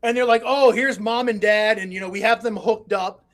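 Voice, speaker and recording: Animated middle-aged man, chatty co-host. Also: sits high, normal speed. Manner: animated storyteller, acts out quotes. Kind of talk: casual chat.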